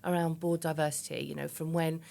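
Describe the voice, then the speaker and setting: Interview guest: woman, fifties, low-pitched with a gravelly edge, candid, emphatic, conversational. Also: flat delivery, a little fast, dark tone. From East London, England. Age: 50s. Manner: candid, chatty, emphatic, illustrates points with quoted self-talk. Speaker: interview guest, business founder.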